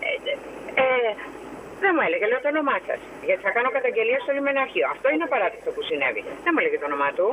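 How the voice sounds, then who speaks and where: A woman's voice: a little high, very animated, a bit bright, slight background noise, poor audio. A woman phoning in to a show, agitated and indignant as she recounts a complaint. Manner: agitated, indignant, fast retelling with quoted dialogue. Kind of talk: phone-in interview, recounting a complaint.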